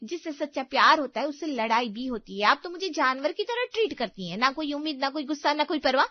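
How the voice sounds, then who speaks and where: A woman's voice: high voice, expressive, fast, no echo, lo-fi sound. A woman voicing Sunita, a young sulky sister-in-law who whines and demands attention, in a cartoon story. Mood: upset. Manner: whiny, demanding. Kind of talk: cartoon voice acting.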